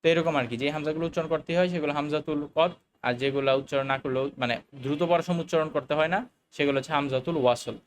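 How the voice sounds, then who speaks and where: A man teaching a recorded Arabic lesson, explaining the grammar slowly, with fillers and English words mixed in. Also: on the high side, fairly even intonation, slight background noise.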